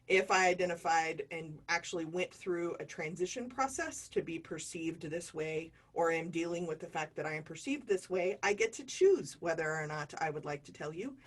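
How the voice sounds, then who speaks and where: In her forties and American, this woman leads an online diversity training with a lowish voice. She keeps it chatty and self-deprecating, tossing in jokey asides.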